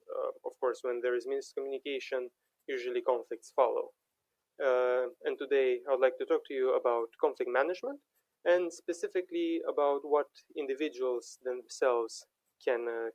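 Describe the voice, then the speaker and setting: A man's voice: mid-range voice, darkish tone, no room sound, dull audio. Hesitant young male podcast host. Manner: hesitant, many fillers and restarts. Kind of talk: podcast interview.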